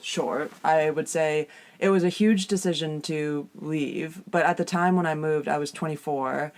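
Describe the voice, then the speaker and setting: Slightly husky Canadian woman, small trailer interior. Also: low-pitched, fairly even intonation, unhurried, darkish tone. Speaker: podcast co-host. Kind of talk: casual conversational podcast chat. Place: inside a small caravan with soft furnishings.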